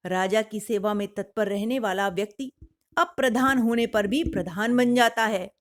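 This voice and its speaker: A woman's voice: medium pitch, normal speed, lightly acted. A woman voicing a cautious sensible jackal. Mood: cautioning.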